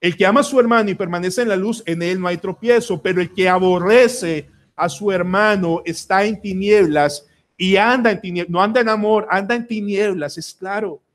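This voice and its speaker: Emphatic Colombian pastor preaching. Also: male voice, high voice, normal speed. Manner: emphatic, pleading, asks the congregation many questions. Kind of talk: sermon. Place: church sanctuary.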